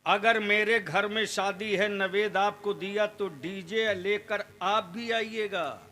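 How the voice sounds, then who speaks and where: A man preaching a fiery sermon at an outdoor gathering, questioning the crowd and rising into shouts. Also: high-pitched, steady tone, slow. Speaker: Islamic preacher.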